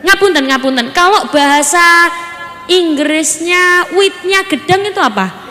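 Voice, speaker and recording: A woman preacher, giving a lively sermon and teasing her audience with playful questions. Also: very high voice, unhurried. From Surabaya, East Java. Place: religious gathering before a live audience. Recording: reverberant hall with crowd.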